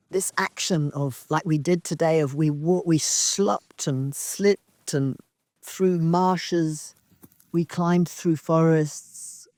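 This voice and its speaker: A woman from Zambia giving a slow, halting, reflective dharma talk as a meditation teacher on a retreat. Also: low voice, mellow, no echo, studio quality. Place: outdoor retreat in wilderness.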